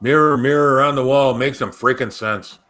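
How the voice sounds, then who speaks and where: A man reading his own darkly comic horror story in the first person, sarcastic and expressive. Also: mid-range voice, normal speed.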